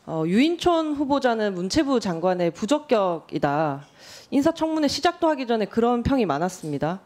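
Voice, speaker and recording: A woman in her thirties questions a nominee at a parliamentary hearing. Her delivery is measured yet pointed, and her pitch moves with lively rises and falls as she presses each point. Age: 30s.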